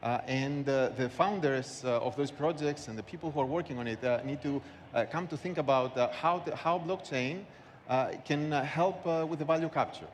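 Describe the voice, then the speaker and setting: A man giving remarks as a conference panelist, with a halting, searching delivery. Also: on the high side. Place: large conference hall. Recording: echoey hall, background noise.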